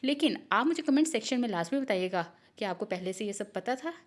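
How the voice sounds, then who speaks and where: A woman's voice: fairly high pitch, animated. A woman from Pakistan, teaching an online Chinese lesson step by step and mixing in English terms. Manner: mixes Urdu with English terms, explains step by step; reads English rule lines slowly and deliberately.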